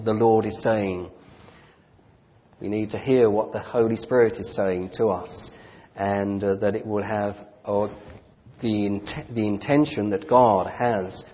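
A man preaching a sermon into a pulpit microphone, earnest and deliberate, reading scripture and growing fervent. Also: mid-range voice. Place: church sanctuary. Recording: dull church recording with long hall reverb.

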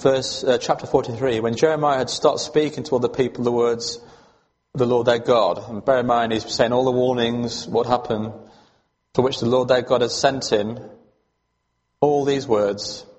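Preacher with a hall echo. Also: male voice, medium pitch, fairly even intonation, moderate pace, long pauses. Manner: conversational, emphatic, asks the congregation questions. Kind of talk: sermon. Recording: long hall reverb.

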